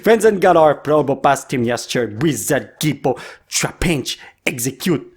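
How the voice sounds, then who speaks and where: A man's voice: on the high side, lively intonation, unhurried, slightly rough. A man with a Québécois French accent, hosting a card pack opening video. He rattles off card names and jokes with his son. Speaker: YouTuber host.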